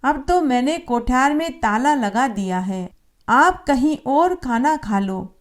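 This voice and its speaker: A woman's voice: sits high, expressive, slow pace. A woman voicing a stingy old mother-in-law who scolds and turns away a holy man. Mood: scolding. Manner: sharp scolding.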